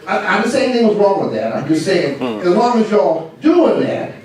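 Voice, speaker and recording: A man with a high voice preaches a lively sermon, mocking and laughing as he goes. He is picked up from far off in a very echoey church. A congregation is clearly heard around him. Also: fairly quick, crowd noise. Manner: animated, mocking, laughing asides. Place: church sanctuary.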